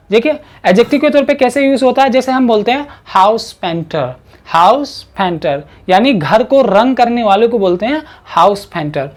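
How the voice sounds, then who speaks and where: A woman teaching English pronunciation in Hindi, slowly drawing out the English example sentences and repeating key words. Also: medium pitch, darkish tone. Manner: slow, drawn-out model sentences in English. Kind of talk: pronunciation lesson.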